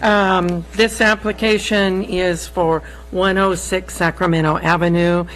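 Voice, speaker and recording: A woman's voice: on the low side, little pitch movement, unhurried, a bit bright, poor audio. A woman with a troubled voice formally introducing an item as vice chair of a public meeting. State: voice troubled, throat-clearing. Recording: faint hum and noise.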